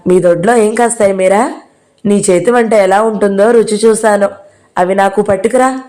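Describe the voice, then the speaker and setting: Mellow-voiced woman reading a novel. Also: medium pitch. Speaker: audio novel reader.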